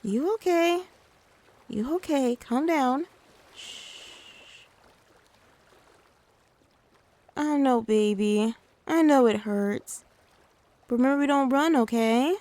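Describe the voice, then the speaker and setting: A woman playing a gentle, doting mother in a soft-spoken ASMR role-play, soothing and coaxing as she talks to the listener like a small child. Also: sits high, moderate pace, few pauses, natural voice. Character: gentle doting mother taking her little one out. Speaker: ASMR creator.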